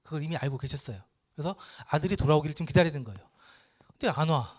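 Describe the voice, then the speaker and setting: A man lecturing at church, retelling a parable with lively storytelling and rhetorical questions. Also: on the high side, very fast.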